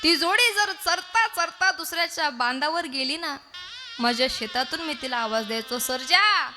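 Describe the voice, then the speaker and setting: A woman's voice: high voice, animated, moderate pace, over music. A woman kirtan preacher telling an emotional devotional story and acting out the voices in it. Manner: emotional, dramatic, acts out voices in quotes.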